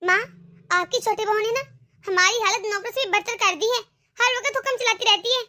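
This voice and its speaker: A woman's voice: very high voice, normal speed, pushed and bright. A woman voicing a meek young daughter in a cartoon, with a whiny, complaining manner. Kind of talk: cartoon voice acting.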